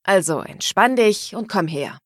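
A woman's voice: medium pitch, lively intonation, a little slow, no echo, clean studio sound. Woman doing a smug teasing gangster man. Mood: taunting.

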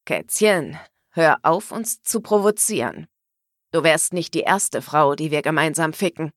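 Woman putting on a rough low gangster guy, slow and menacing, dry close audiobook sound. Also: dry recording. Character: menacing dominant gangster man, rough-voiced.

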